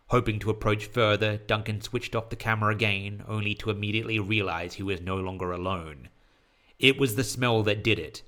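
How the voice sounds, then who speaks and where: A man with a fairly low, sharp-toned voice reads scripted horror fiction. He hosts and writes an audio story podcast, narrating in a measured, literary manner.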